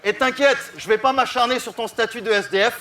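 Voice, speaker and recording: A man's voice: extremely high pitch, fast talker, bright, forceful tone. A man delivering a taunting rap battle verse with storytelling jabs. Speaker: battle rapper. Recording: noisy live recording.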